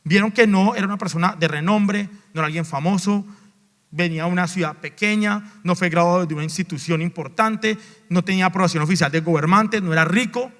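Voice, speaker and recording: A male pastor preaching a sermon, swinging between raised emphatic lines and low asides, with restarts and repeated words. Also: brisk, a bit bright. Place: church sanctuary. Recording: long reverb of a large church hall.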